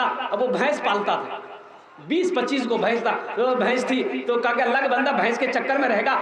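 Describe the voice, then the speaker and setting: A male preacher giving a humorous sermon full of stories, calling on the audience to answer him. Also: very high voice. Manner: jokey storyteller who calls on the audience to answer. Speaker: Islamic preacher. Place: religious gathering. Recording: echoey hall on a PA system.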